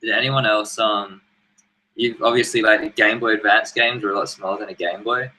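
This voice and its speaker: A young man co-hosting a casual gaming podcast, with a lowish voice and a sharp, bright tone. He teases his co-host dryly and keeps moving the talk on, over a faint noise behind him. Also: fairly even intonation, brisk, rough recording. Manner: steers topics, dry teasing. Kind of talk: casual chat.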